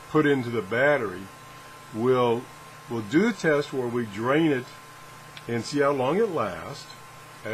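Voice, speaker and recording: A man with a mid-range voice hosts a radio product test video, giving a casual, unscripted demonstration. He rambles and thinks aloud in a good-humored, self-deprecating way, and the low-quality recording has slight background noise.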